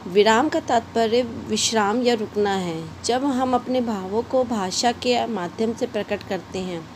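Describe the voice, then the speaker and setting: A woman's voice: medium pitch, a little hiss or hum. A woman teaching a shorthand lesson in a casual way, explaining patiently and repeating her examples. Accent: Hindi-English mixed.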